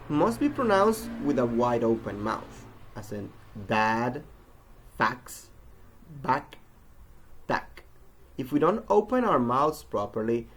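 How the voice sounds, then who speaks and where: A man with a gravelly, creaky edge to his voice, giving a pronunciation lesson. His pitch moves a lot as he sweeps through each sentence. He slows down to model each sound and example word carefully. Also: a little hiss or hum, poor audio. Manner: deliberate, demonstrates sounds slowly with example words. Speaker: pronunciation teacher. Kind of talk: recorded English pronunciation lesson.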